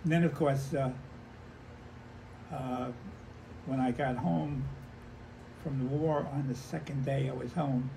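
An American man in his nineties, an old veteran remembering the past in halting, conversational stories, repeating himself and acting out remembered dialogue. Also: medium pitch, steady tone, creaky, mellow. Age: 90s. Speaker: war veteran interviewee. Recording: noisy handheld home recording.

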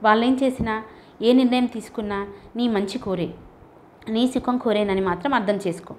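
A woman voicing a caring middle-aged mother gently advising her son, in a storybook reading. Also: on the high side, fairly even intonation, moderate pace, slight background noise, natural voice.

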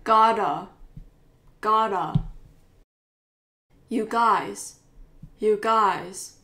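American woman pronunciation teacher, very slow, repeats every phrase twice. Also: mid-range voice, bright, forceful tone. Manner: says each phrase twice, building it up piece by piece. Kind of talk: slow pronunciation modeling with repetition.

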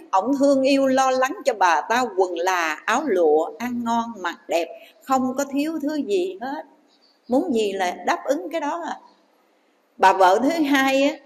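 A Buddhist nun telling a story in a dharma talk, addressing the audience directly. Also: female voice, mid-range voice. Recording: long hall reverb.

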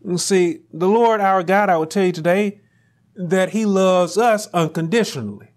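A middle-aged man preaching a sermon from a pulpit in a small church room, building to near shouts on key lines. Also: high voice. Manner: rising to near shouts on emphatic lines, slow deliberate phrasing. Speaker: pastor.

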